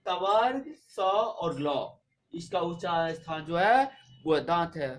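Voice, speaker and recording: Brief: male teacher, high voice, patient exam-prep drilling of letters. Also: a bit bright. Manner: patient, repeats letters slowly and drills points for exams. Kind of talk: Hindi grammar lesson for exam students.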